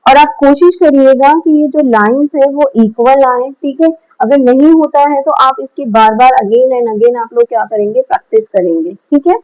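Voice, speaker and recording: A drawing teacher walks her class through a shading lesson step by step, patiently posing questions and answering them herself while often checking "clear?". Her voice sits high and is a little mellow, at a normal speed with few pauses, on a rough recording.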